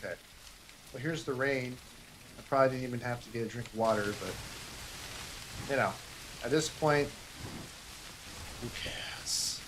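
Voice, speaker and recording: A man's voice: mid-range voice, normal speed, long pauses, a little hiss or hum. A young man casually commentating his own livestream, self-deprecating and rambling, muttering to himself. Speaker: gaming livestreamer.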